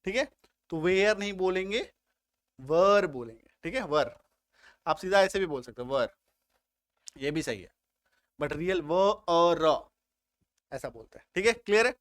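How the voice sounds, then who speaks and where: A man teaching English grammar in Hindi, patient and repetitive, often asking if it is clear, a little unwell with a slight cough. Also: high-pitched, sing-song, normal speed, a bit bright, no echo. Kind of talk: Hindi-medium spoken English grammar lesson.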